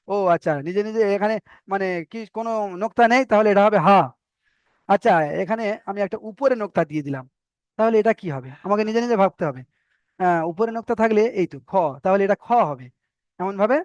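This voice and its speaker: High-voiced man teaching letters patiently. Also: no room sound, lo-fi sound. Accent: Indian Bengali. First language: Bengali. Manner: patient, repeats letters slowly with drawn-out vowels. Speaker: Arabic alphabet teacher. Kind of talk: online Quran reading class.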